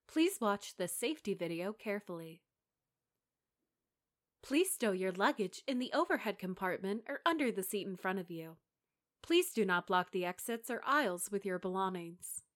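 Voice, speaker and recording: Woman doing a flight attendant safety announcement, formal and scripted, mid pitched voice. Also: a bit bright.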